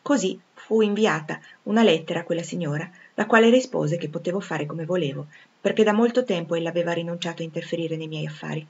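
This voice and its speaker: A woman narrating a literary audiobook in a measured, even reading voice, in a dull lo-fi recording. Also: lowish voice, slightly rough. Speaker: audiobook reader.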